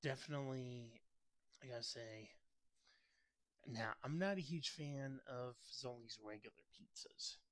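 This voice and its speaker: Man, vlogger, talking with food in his mouth, slow unhurried delivery, dry sound. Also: medium pitch, dry recording. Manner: slow, relaxed, halting with fillers. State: talking while chewing. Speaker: mukbang vlogger. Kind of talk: casual food review vlog.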